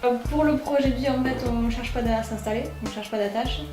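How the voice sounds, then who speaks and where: Woman in her 20s, bit high voice, chill with lots of ums, echoey. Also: a little fast, over music. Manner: relaxed with frequent fillers. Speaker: young resident. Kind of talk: casual interview.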